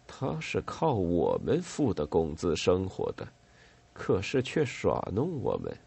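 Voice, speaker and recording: A man's voice: sits low, huge pitch swings, takes it slowly, gravelly, mellow, slightly rough, heavily acted. A man reading an audiobook voices a worn-out army lieutenant who speaks curtly and loses patience. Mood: weary. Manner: curt and exasperated.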